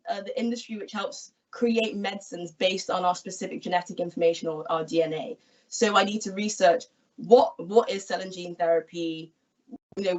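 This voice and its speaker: On an online careers talk, an English woman in her twenties, a guest who works as an equity research analyst, explains her job in a friendly, clear way and gestures as she speaks. Her voice is lowish. She's on a laptop webcam video call from a small room at home, and the audio sounds distant and dull.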